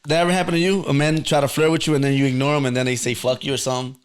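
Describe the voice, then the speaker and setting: Young man, podcast host, casual chat, blunt, slangy, animated, mid-pitched voice. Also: rapid-fire, clear, resonant tone.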